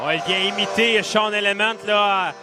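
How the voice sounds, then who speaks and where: A man with a Quebec French accent giving animated live colour analysis of a hockey game. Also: sits high, normal speed, music in the background.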